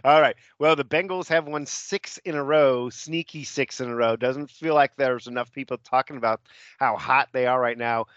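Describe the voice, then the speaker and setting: A man's voice: mid-range voice, moderate pace, a bit bright, no echo, highs cut off. A man co-hosting a sports chat who sets up each game preview in an easygoing way. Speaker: sports podcast co-host.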